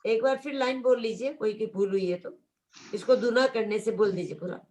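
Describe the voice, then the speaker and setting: A woman's voice: fairly high pitch, brisk, a little mellow, recorded from a distance, slight background noise. A woman student in a class who asks questions and checks each step.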